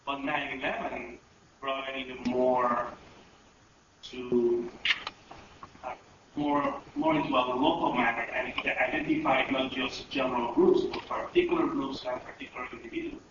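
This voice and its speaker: A man hoarse and raspy from a heavy cold gives measured, halting remarks as a speaker on a panel. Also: medium pitch, lively intonation. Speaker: panel speaker, policy advisor. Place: echoey indoor event room. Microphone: distant microphone. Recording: distant, very echoey, dull, noisy room recording.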